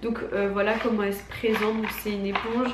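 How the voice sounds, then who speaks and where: A woman's voice: medium pitch, level tone, brisk. A young woman with an accent from France chats casually and emphatically about her shopping, her voice honking and nasal like a duck from a cold. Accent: French from France. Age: young adult. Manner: informal, filler-heavy, emphatic. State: congested, sick with a cold. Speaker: beauty vlogger. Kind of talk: casual chatty product haul. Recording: echoey room, faint background noise.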